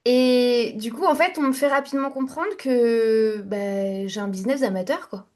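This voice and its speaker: Speaking at normal speed with a voice on the high side, a young woman tells her own story as a podcast guest. The interview is casual, and her storytelling is frank and talkative, dotted with fillers and restarts.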